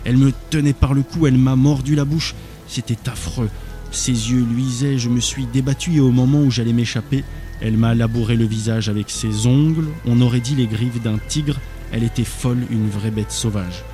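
A man's voice: medium pitch, steady tone, normal speed, warm tone, faint music behind, close to an everyday voice. A man voicing a terrified wounded young man who has been clawed and blinded, pleading frantically. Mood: frantic.

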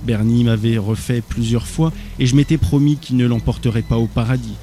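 A man's voice: medium pitch, fairly even intonation, fairly quick, warm tone, close to an everyday voice. A man voicing a terrified wounded young man who has been clawed and blinded, pleading frantically. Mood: frantic.

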